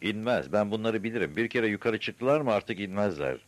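A man's voice: lowish voice, animated, fairly quick, dry recording, voice pushed up, lightly acted. A man doing a know-it-all old man with a cane. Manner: knowing, matter-of-fact. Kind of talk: audiobook character voice.

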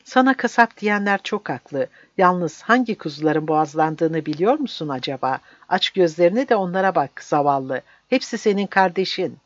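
A narrator voicing a fierce, bearded village priest in his seventies, praying and defying an officer in a raised, higher voice. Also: animated, moderate pace, hardly any pauses, no echo, close to an everyday voice. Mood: defiant. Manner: pleading, defiant, raised and higher voice. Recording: dull dry recording.

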